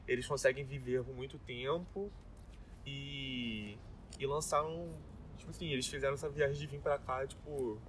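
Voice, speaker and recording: A man's voice: medium pitch, steady tone, normal speed, a little hiss or hum, poor audio. A young man, musing and rambling in casual street slang.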